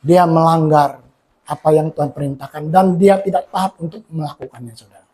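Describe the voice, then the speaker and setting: A man preaching a sermon as a pastor, who often ends his phrases with a quiet aside to the congregation and climbs into shouted emphasis. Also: on the high side, a little fast. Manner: preaches with rising shouts and repeated "saudara" tags. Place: church.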